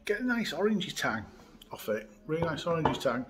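A man chats through a beer review in a relaxed, easygoing way. He pauses often with "uh" and "um" as he talks close to a phone or webcam in a hotel room. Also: on the high side, a little hiss or hum. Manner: chatty, relaxed, frequent uh fillers. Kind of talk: casual beer review chat. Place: indoors by a window in a hotel room.

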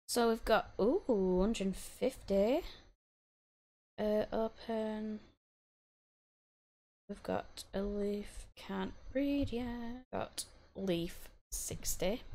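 A woman giving casual, chatty commentary while playing a life-sim game, giggling, talking to her characters and breaking into excited bursts. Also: mid-range voice, creaky. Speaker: gaming channel host.

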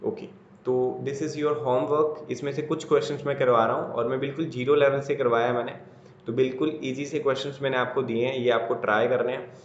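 A man's voice: mid-range voice, steady tone, brisk, lo-fi sound, a little hiss or hum. Man teaching grammar in an echoey classroom. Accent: Haryanvi Hindi. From India. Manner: asks and answers his own questions, repetitive.

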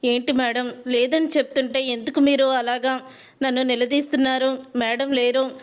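A woman's voice: high-pitched, level tone, normal speed, clear, resonant tone, close to an everyday voice. A woman reading as an irritated receptionist. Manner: irritated, defensive.

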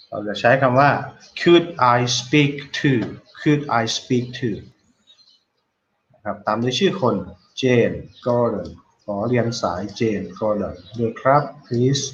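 A man teaches an online English lesson at a very slow pace, repeating key words and pausing to quiz his students. He reads English model phrases aloud in a deliberate, drawn-out way. The recording sounds dull and lo-fi. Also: mid-range voice.

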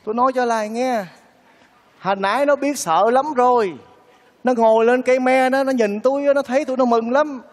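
A man's voice: extremely high pitch, normal speed, big-room sound. An actor playing a kindly, lovesick man who pleads earnestly with a widow, speaking in a stage comedy sketch. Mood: pleading.

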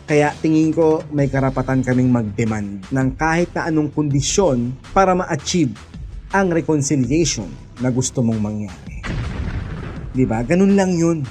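A man's voice: medium pitch, lively intonation, moderate pace, a little mellow. A man giving a heated, mocking political rant, often laughing scornfully and swearing as he addresses the president and his viewers directly. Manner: speaks directly to the president and to viewers as "mga idol". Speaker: political vlogger. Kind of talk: ranting political commentary. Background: background music.

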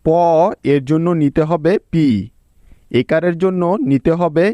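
Slow, patient male spelling teacher. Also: a little high, steady tone, warm tone, no echo, clean studio sound. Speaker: English teacher. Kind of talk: spelling lesson.

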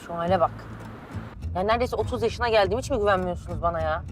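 An actress in her late twenties playing a young bank employee who bickers in quick, whiny exasperation with her parents. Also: mid-range voice, close to an everyday voice. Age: late 20s. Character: young woman fed up with her nagging parents. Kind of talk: film dialogue.

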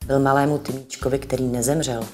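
A woman reading a storybook aloud with calm, even narration. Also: very deep voice, faint music behind.

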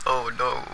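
A man's voice: medium pitch, vocal fry, pushed and bright, slight background noise, rough recording. A young man from El Salvador livestreaming a game, chatting casually and laughing often at the other player. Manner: laughs often, amused and teasing. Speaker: streamer. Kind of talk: casual gaming livestream chat.

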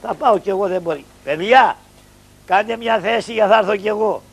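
Sly shadow puppet trickster, Greek accent, high gravelly voice, old tv sound. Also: male voice, lo-fi sound, slight background noise. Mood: nosy. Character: scrawny cunning poor Greek trickster man.

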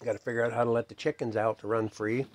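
Out in a farmyard next to a shed, a gravelly, folksy homestead vlogger narrates casually while filming with his phone. His voice is medium-pitched and quick, and he talks to the animals in a relaxed way, with dry, dull lo-fi outdoor phone audio.

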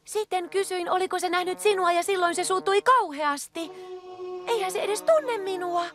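A woman voicing a frightened, earnest young girl in a cartoon dub. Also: over music. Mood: explaining. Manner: high, bright childlike voice.

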